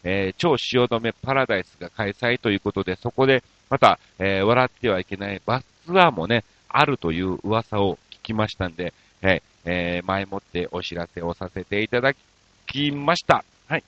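A man's voice: fairly low pitch, normal speed, a bit bright, dry recording, muffled recording. A man hosting a radio show, chatting casually and joking at his own expense, mixing Kansai dialect with standard Tokyo speech. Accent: Kansai mixed with standard Tokyo speech. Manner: playful, self-mocking comic banter. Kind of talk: casual radio talk reading listener mail.

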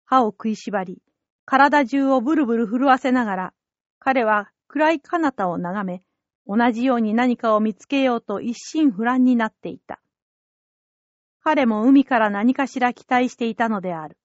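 A woman reading a literary story aloud in a measured, calm way for a theater troupe's podcast. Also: on the high side, no echo, highs cut off.

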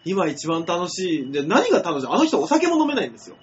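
A high-pitched man with a lively, swinging voice, chatting and teasing on a comedy radio show. The sound is dull, with a faint hiss behind it. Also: fast. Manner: chatty, backchannels a lot, polite then teasing. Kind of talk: casual comedy radio chat.

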